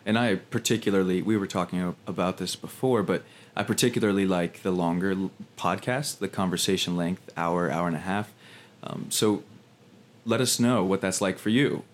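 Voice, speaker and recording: Deep-voiced man co-hosting a podcast. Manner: relaxed, halting with restarts. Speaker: podcast co-host and meditation instructor. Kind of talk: casual podcast chat.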